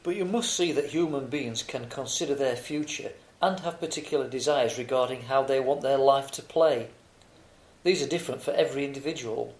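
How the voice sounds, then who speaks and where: A man's voice: mid-range voice, brisk, lightly acted. A man playing an earnest, formal debater in a scripted, argumentative exam discussion. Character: earnest male debater arguing against animal rights. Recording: roomy, echoing sound.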